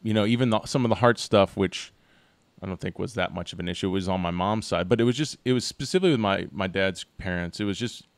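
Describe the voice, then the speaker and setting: A man in his forties with a very deep, smooth voice, hosting a casual interview. He sounds curious and laughs easily, recorded close and dry. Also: quick pace, no echo. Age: 40s. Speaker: host.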